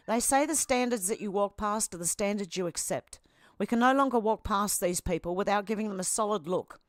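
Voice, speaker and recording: A woman's voice: mid-range voice, no room sound, clean studio sound. An Australian woman commenting on online posts, reading them aloud with blunt, sarcastic asides. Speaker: commentary vlogger.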